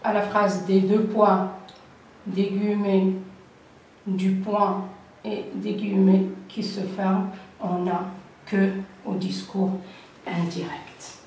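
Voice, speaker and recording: Slow older woman teaching in an echoey room. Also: medium pitch, flat delivery, darkish tone, recorded from a distance, a little hiss or hum. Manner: slow, deliberate, repeats key terms. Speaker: French teacher. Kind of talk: classroom grammar lesson.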